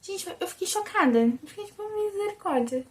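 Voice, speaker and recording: A young Brazilian woman with a childlike, squeaky voice, chatting animatedly to her viewers in a casual religious vlog. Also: brisk. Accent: Brazilian Portuguese. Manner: animated and chatty, often calls the viewers "gente". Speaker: vlogger. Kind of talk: casual religious video chat.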